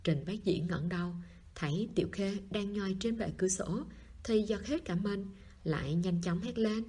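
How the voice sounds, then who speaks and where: A woman narrating an audiobook in a calm, even storytelling manner. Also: medium pitch, normal speed, breathy edge.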